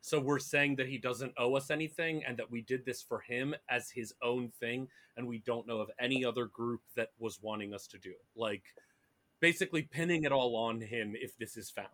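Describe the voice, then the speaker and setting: A man taking part in a tabletop role-playing game, chatting casually as he talks through what his character does. His voice sits at a middle pitch and his delivery is loose and conversational. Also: moderate pace, fairly bright tone. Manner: chatty, explaining his moves with a laugh. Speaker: player.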